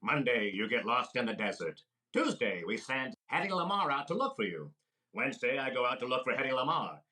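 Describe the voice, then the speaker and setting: Speaking at a medium pitch, a male actor portrays a brash comedian full of quick wisecracks, all in a deadpan 1940s radio comedy manner.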